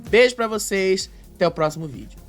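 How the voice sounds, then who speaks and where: A man's voice: sits high, animated, fairly quick, faint music behind. A man with a Brazilian Portuguese accent, chatty in his casual commentary, recapping a reality show and retelling its fights with emphatic rises.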